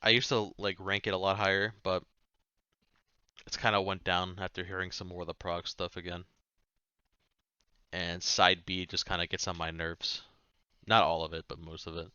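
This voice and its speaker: Low-voiced man, casual and offhand. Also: level tone, moderate pace, long pauses, sharp tone, clean tone, dry recording, highs cut off. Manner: rambling, offhand, swears casually. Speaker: music reviewer. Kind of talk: casual chat.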